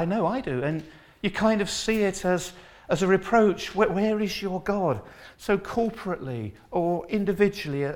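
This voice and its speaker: A man preaching a sermon in an earnest, fervent way, slowing down to stretch key words and lines of scripture. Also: fairly high pitch.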